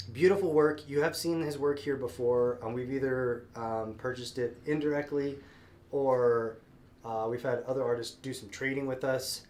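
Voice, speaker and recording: This is casual live-stream chat from a man hosting a sale while stuffed up with a cold. He's friendly and rambling, using lots of fillers and restarts, in a mid-range, darkish voice.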